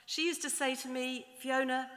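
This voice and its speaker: A middle-aged woman giving a formal, measured graduation address from a podium, building her points through lists and repetition in a large ceremony hall. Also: mid-range voice, animated, bright, forceful tone. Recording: long hall reverb in a large hall.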